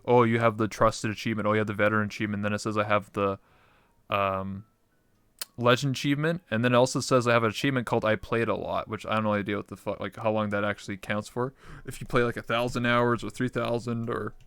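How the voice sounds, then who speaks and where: Male, smooth clear voice, dry close recording, casual rambling chat, slangy and sweary. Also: on the low side, fairly even intonation, fairly quick, fairly bright tone, no room sound.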